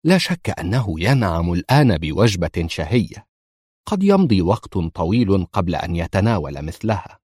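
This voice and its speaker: Smug male crime boss, voiced by the narrator, sneering and low. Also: sing-song, moderate pace, a little mellow, breathy edge, dry recording, clean studio sound, exaggerated voice. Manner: mocking, smug. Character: smug villain gang leader, mocking.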